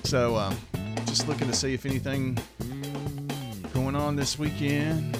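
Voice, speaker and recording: A man's voice: medium pitch, steady tone, a little slow, loud music behind the voice. A middle-aged man, hosting a morning radio show in easygoing, rambling banter from a studio microphone. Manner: easygoing, rambling with many ums.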